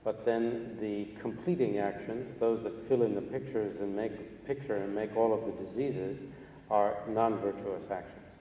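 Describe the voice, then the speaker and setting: A man with a low, soft-edged voice interprets a philosophy lecture. He speaks in careful, halting phrases. The sound comes from off in a big echoing hall with some faint noise. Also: fairly even intonation. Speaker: interpreter translating a Buddhist teacher. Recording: echoey hall, distant mic, background noise.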